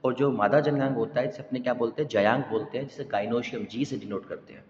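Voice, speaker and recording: A man's voice: medium pitch, quick pace, darkish tone. A man teaching a biology revision class, asking students questions and answering them himself, with "है ना" after his points. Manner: adds "है ना" and "ठीक है" after points. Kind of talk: online exam revision class. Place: echoing room. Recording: echoey, dull, long room reverb.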